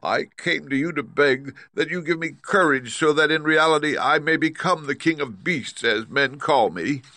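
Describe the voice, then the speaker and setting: A man's voice: fairly high pitch, normal speed, sharp tone, dry recording, voice pushed up. A man voicing a cowardly lion from a storybook, anxious but earnest, in a raised, emphatic, declaiming voice. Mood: pleading.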